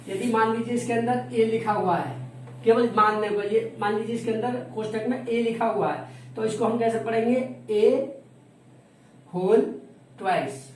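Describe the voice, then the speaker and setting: A man's voice: high-pitched, steady tone, darkish tone. Male teacher spelling words, echoey room. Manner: repeats words slowly, spells them letter by letter. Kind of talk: classroom lesson. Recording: roomy echo, distant from the mic, faint noise.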